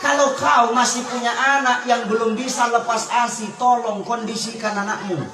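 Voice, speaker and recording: A man's voice: very high-pitched, steady tone, normal speed, noisy background. A man preaching a humorous sermon, telling stories animatedly and acting out voices. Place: religious gathering with a laughing audience. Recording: echoey PA sound from far off, crowd laughing.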